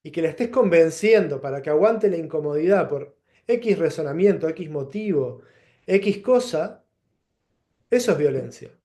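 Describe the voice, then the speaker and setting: A man with a Rioplatense Spanish accent giving a reflective lecture, pausing and restarting as he works through plain examples. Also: a little high, lively intonation, mellow. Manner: thoughtful, pauses and restarts, gives plain examples. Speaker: teacher.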